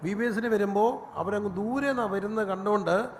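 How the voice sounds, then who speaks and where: A man preaching a sermon as pastor, telling stories with animated delivery and rising to a shout. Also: high voice, fairly quick. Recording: long reverb, faint room noise.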